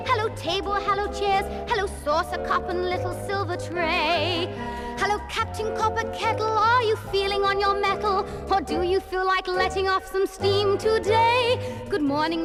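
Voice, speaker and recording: A woman voicing Cinderella, a kind, cheerful young woman, speaking sweetly and singing on a vintage storybook record. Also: extremely high pitch. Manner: sweet and sunny, sings to household things. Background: orchestral music.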